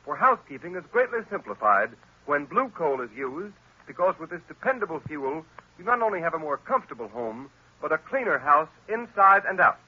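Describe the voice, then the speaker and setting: A male announcer with a high, husky voice reads a sponsor message on an old radio program, persuasive and emphatic. The recording sounds dull and lo-fi, typical of old radio.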